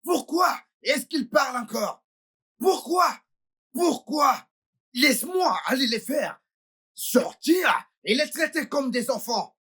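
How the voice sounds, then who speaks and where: A woman's voice: high voice, expressive, moderate pace, slightly rough. A woman voicing a beaten young man in a French film dub, crying out in pain and repeating threats. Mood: pained rage.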